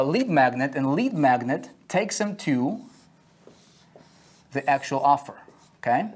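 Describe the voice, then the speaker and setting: A man teaching an online marketing lesson at a whiteboard, checking in with listeners constantly and repeating key phrases for emphasis. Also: fairly high pitch. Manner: checks in constantly with "okay?" and "right?".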